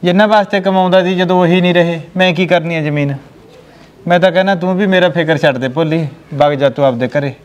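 A middle-aged village farmer pleads earnestly in a fairly high male voice, as an actor plays him. Echo and a long reverb hang on every word. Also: fast, dull audio, close to an everyday voice. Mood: pleading. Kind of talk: village family drama acting. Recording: echoey room with long reverb.

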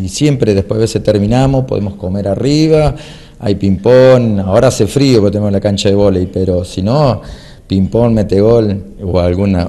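A man in his fifties, a church elder, talking in a relaxed, rambling way with many fillers during a local TV interview in a hall. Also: lowish voice, vocal fry, a little hiss or hum. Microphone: handheld reporter mic.

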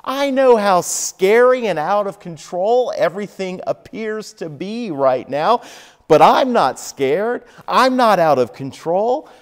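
Man putting on a comforting gentle man, pleading tone, lively pitch, long hall reverb. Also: slow. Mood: reassuring. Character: Jesus, a calm reassuring grown man.

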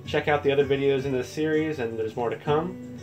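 This tutorial host has a mid-range, darkish-toned voice and moves at a fairly quick clip, guiding viewers informally through a how-to demonstration. Soft music plays behind him in an indoor room with audio equipment, and clear room noise is audible.

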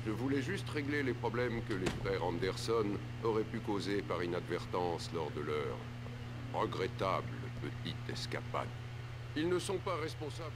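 A man's voice: low-pitched, sing-song, normal speed, background noise. A man voicing a suave, courteous clinic doctor who speaks formally in a video game dub. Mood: courteous, composed. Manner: smooth-talking, formal, courteous.

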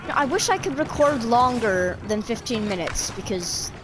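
A woman giving casual running commentary while playing a video game, reacting loudly to the game and to what she drinks. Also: on the high side, expressive, normal speed, noisy background. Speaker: gamer. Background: game music and sound effects.

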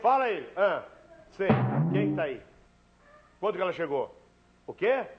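A man playing a prank in a bar, arguing loudly on a fake phone call and repeating himself in exasperation. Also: high voice, sing-song, measured pace, music in the background. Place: restaurant or bar. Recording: dull hidden-camera audio with background noise.

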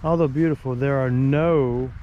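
Man, joking vlogger narrating outdoors on a camera mic, faint outdoor hiss, mid-pitched. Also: fairly even intonation, moderate pace, highs cut off. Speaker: explorer vlogger. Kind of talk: casual walking commentary. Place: outdoors in a rural churchyard cemetery. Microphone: camera mic while walking.

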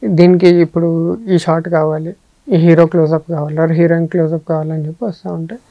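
A film editor with a Telugu accent speaks in a mid-pitched voice with noticeable vocal fry. He answers thoughtfully and builds his points through comparisons. The sound is close and dry, with no room echo. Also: flat delivery, brisk, muffled recording. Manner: thoughtful, explains with metaphors, mixes in English phrases. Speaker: film editor, interview guest. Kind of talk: relaxed interview answers.

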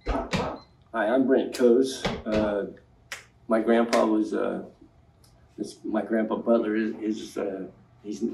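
An older man from Colorado with an American accent, giving an emotional, halting, indignant public comment at a meeting, heard through a television's speakers. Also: fairly low pitch, little pitch movement, gravelly, echoey room. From Colorado, United States. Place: indoor public meeting hall, replayed on a television. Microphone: podium mic, re-recorded from TV speakers. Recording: distant mic, TV playback re-recorded, noisy.

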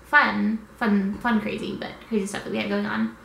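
A woman's voice: medium pitch, little pitch movement, moderate pace, vocal fry, fairly bright tone. A sleepy, worn-out woman in her twenties rambles casually to camera as a vlogger, easily drifting off track. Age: 20s. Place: small indoor apartment room. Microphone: camera at arm's length. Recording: echoey small room with faint noise.

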